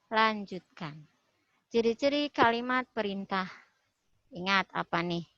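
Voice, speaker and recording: Woman teacher on an online class, higher voice, dry close sound, patient step-by-step explaining. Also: fairly bright tone, no echo. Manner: explains step by step, repeats key points. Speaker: Indonesian language teacher. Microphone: video call. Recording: dull lo-fi video call audio.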